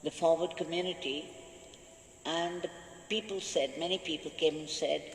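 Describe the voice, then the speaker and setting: Male spiritual speaker, slightly high voice, earnest storyteller, recorded in an echoey hall with long reverb. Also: fairly even intonation, moderate pace, a little hiss or hum. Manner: earnest, emphatic retelling with rising intensity. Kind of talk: devotional storytelling.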